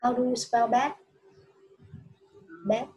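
A woman's voice: on the high side, steady tone, slow, a little mellow, dull audio. A woman teaching a child English, patient and coaxing, repeating each answer back. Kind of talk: one-on-one children's English lesson.

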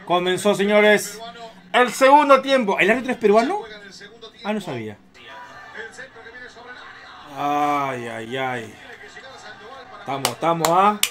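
A man in his thirties giving casual, slangy live reaction commentary on a football match, cursing and yelling at the goals. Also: high voice. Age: 30s.

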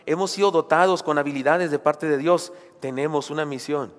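A man's voice: a little high, brisk. A man preaching a sermon, emphatic, with rhetorical questions and joking asides. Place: church sanctuary. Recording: long church hall reverb.

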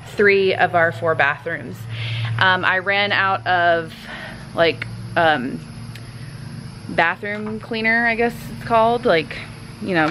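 Holding her phone camera at arm's length, a woman in her thirties chats selfie-style through a day of cleaning her large house, saying "like" and "um" often. This vlogger has a lowish voice, and background noise can be heard.

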